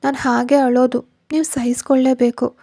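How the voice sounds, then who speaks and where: A woman's voice: high-pitched, little pitch movement, moderate pace, vocal fry, dark tone, dry recording, studio quality. A woman voicing a frail, tearful young wife who speaks in an earnest, pleading way, in a spoken story.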